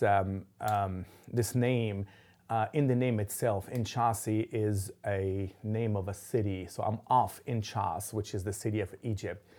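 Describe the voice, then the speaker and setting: A middle-aged Lebanese imam, a guest in an interview conversation, speaks in a lowish, slightly mellow voice. His delivery is halting, full of ums and restarts.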